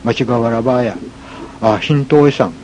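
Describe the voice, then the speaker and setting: A man with an Okinawan accent telling a folk tale in a halting way, pausing often with fillers. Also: medium pitch. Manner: halting, with many pauses and fillers. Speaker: folk storyteller. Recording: noisy recording with ambient hiss.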